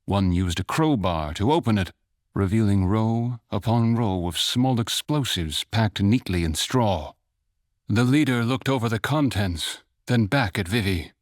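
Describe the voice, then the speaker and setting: A man narrating a fantasy short story in a measured, even storytelling manner. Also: fairly low pitch, no echo, studio quality. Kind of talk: scripted audiobook narration.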